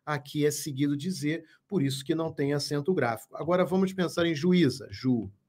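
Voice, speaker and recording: A man teaching a live online grammar lesson, speaking slowly and emphatically, repeating key words and asking viewers questions. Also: a little high, darkish tone. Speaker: Portuguese teacher.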